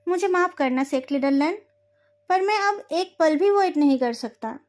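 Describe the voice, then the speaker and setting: A bold, teasing young male cultivator, as a woman narrator puts him on, his lines coming high and lifted. He pleads and blurts out his feelings in a heated, emotional way. A storybook retelling with high-set speech. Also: expressive, moderate pace, darkish tone. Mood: earnest.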